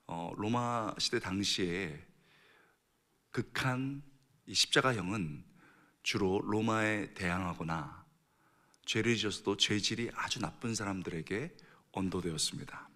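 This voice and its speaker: A middle-aged man preaching a sermon as a pastor in a church. He moves between hushed, almost whispered lines and raised, emphatic passages. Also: fairly low pitch.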